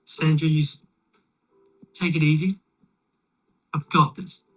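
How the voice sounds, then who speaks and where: A speaker voicing a calm, modest man who says he has put out a fire, talking in a matter-of-fact way, a little distant from the mic. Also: mid-range voice, takes it slowly, breathy edge.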